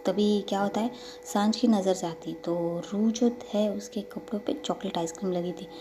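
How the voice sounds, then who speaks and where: A woman's voice: mid-range voice, steady tone, moderate pace, background noise. A woman narrating a love story in a casual, conversational storytelling way. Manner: conversational retelling, frequent "to ... kehti".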